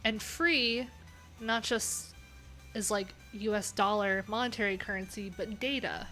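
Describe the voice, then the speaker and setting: A woman hosts a casual coding livestream, chatting candidly and ramblingly with plenty of filler words. Her voice is medium-pitched with a sharp tone.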